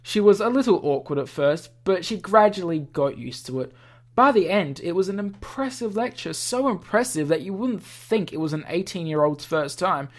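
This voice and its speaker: A woman with a lowish, lively voice plays through a visual novel at a normal pace, reading the text aloud and adding her own chatty remarks. Video game music plays behind her in this casual let's play.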